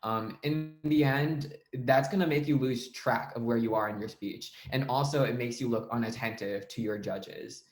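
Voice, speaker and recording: A young man explains how to give better debate speeches in a casual online lesson. He keeps a loose, conversational tone and leans on fillers as he goes. His mid-pitched voice rings in an echoey room. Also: moderate pace, hardly any pauses. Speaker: debate coach.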